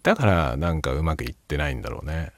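A middle-aged man chatting alone in a quiet, hushed late-night voice, reflective and self-deprecating. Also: rumbling low, lively intonation, quick pace, no echo. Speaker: YouTube host. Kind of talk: casual late-night solo chat.

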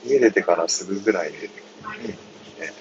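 Man, 30s, deep voice, hushed mumbled chat on a bus, muffled phone audio with traffic noise. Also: fairly quick. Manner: mumbling quietly, reading listener comments. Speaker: live-stream host. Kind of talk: casual live chat. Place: on a moving city bus.

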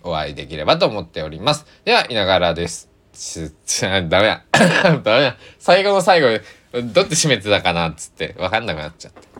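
Deep-voiced rambling man with lilt. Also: fairly bright tone. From Kochi, Japan. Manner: rambling, self-correcting, chatty. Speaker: podcast host. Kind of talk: casual solo podcast talk.

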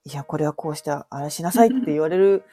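A woman's voice: low-pitched, quick pace, warm tone, faint music behind. A woman co-hosting a casual podcast chat, modest, laughing often and giving short replies. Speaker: co-host, head of the Fukuoka school.

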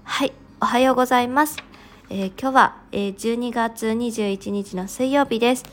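A working mother in her thirties from regional Japan hosts a casual solo podcast, speaking softly and reflectively in a fairly high voice. She uses frequent fillers and her speech has a slightly sleepy, slow tongue.

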